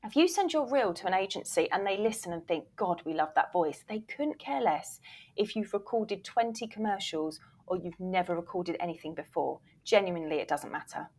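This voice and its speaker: This interview guest, a woman who produces voice reels and formerly worked as a voiceover agent, has a fairly low, darkish voice that's animated and set at normal speed. She explains things emphatically and conversationally, often voicing hypothetical questions from actors.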